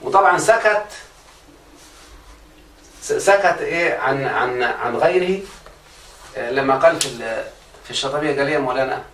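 A man's voice: medium pitch, animated, brisk, pauses often, a bit bright. A man with an Egyptian Arabic accent teaching a religious grammar lesson, constantly quizzing his students on whether they follow. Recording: echoey room, far from the mic, faint noise.

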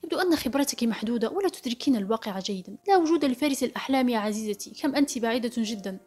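A woman's voice: fairly high pitch, expressive, racing, a little mellow, faint music behind. A woman voicing a proud young male doctor who speaks in a curt, mocking way. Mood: indignant.

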